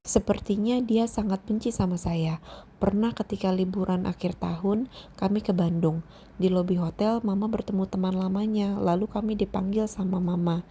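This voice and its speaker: A woman reading the part of a young woman patient in a storybook, quiet and plain-spoken. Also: on the low side, fairly even intonation, moderate pace, creaky, a little hiss or hum. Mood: wistful. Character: young woman patient recalling her sad childhood.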